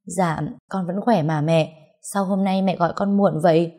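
A woman's voice: fairly low pitch, steady tone, moderate pace, warm tone, natural voice. A woman voicing a frightened young pregnant woman in labor, speaking weakly and tearfully. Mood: faint. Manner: weak, tearful.

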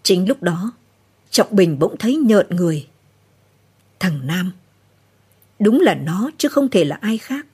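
A woman narrating a novel in a slow, somber late-night reading. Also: medium pitch, big pitch swings, dark tone, husky.

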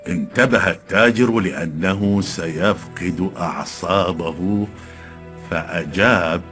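A man narrating a folk tale in a calm, measured storytelling voice. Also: low voice. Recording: background music.

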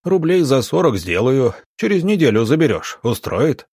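A man reading an audiobook, voicing a burly, evasive village shoemaker who mutters gruffly. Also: medium pitch, very animated, normal speed, darkish tone, no room sound, studio quality, voice pushed up. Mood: businesslike. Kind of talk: audiobook character voice.

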